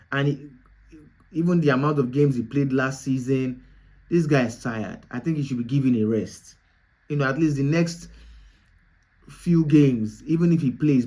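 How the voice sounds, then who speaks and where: A man's voice: mid-range voice, darkish tone. A young man hosting a football reaction video, talking casually and repeating his points for emphasis. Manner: repetitive, emphatic, restarts phrases. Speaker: football channel host.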